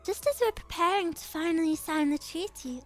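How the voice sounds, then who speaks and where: A woman voicing a refined, grave schoolgirl leader in a game story, formal and measured. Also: very high-pitched, faint music behind, pitched below the performer's own voice. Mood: grave, explaining. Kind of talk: visual novel game dialogue read aloud.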